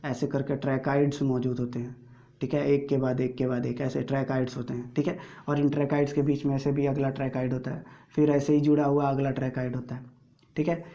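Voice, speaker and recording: A male teacher with an Indian accent, giving a slow board lesson to school students and checking often that they follow. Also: mid-range voice, flat delivery, mellow, highs cut off. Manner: explains slowly, drawing as he speaks, keeps checking understanding.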